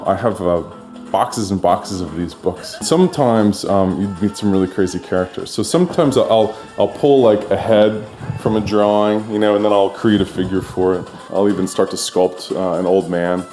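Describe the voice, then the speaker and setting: A middle-aged man speaks in a fairly low voice and tells stories from his life in a relaxed, chatty way. He is an artist and talks from his own studio, which gives the recording a roomy echo. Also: moderate pace, faint music behind. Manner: relaxed and chatty, with many fillers. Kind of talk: casual personal storytelling.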